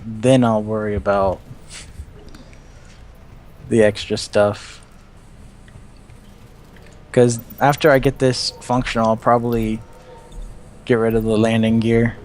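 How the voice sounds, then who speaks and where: A young man playing a game with a friend, chatting casually and swearing freely, his pitch jumping when he gets animated. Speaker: guest player. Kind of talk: casual gameplay chat.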